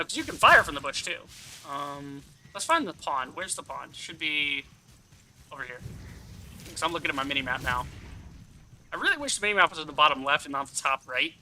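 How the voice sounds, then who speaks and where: A man's voice: on the high side, pushed and bright, a little hiss or hum. A man giving casual game commentary as a streamer, rambling as he thinks aloud and swearing casually. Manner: casually profane.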